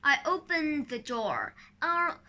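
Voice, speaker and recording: Slow, bright woman reading a storybook. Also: high voice, wildly swooping pitch. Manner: careful, halting over some words. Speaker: storybook reader. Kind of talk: reading a children's book aloud.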